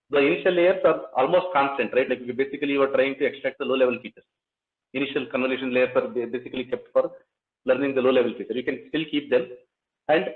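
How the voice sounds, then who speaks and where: A man with a South Indian accent giving a technical lecture, explaining step by step in a halting way with frequent filler tags. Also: medium pitch. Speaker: lecturer, research scientist. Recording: slightly dull, lo-fi lecture audio.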